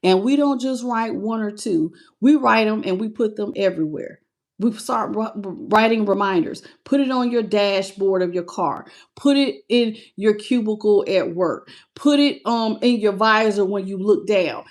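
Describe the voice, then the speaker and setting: A woman's voice: medium pitch, a little slow. A woman reading tarot cards on a live stream, talking casually and bluntly, teasing and greeting her viewers by name. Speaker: tarot reader.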